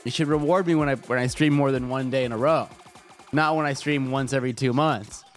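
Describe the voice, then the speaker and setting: Over faint background music, a man streams live into a desk microphone, talking briskly in a mid-range voice. He sounds a little congested and stuffy as he chats casually and jokes around with plenty of profanity.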